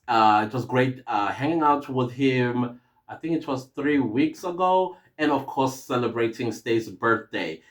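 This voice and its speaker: A man's voice: mid-range voice, lively intonation, a little slow. South African male podcast host with a mid-range voice, earnest and rambling, full of hesitations. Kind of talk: casual podcast monologue.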